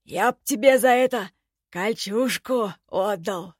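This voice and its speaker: A woman voicing a sly, seasoned male elf warrior who speaks in a measured, crafty way. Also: mid-range voice, breathy edge, no room sound, studio quality.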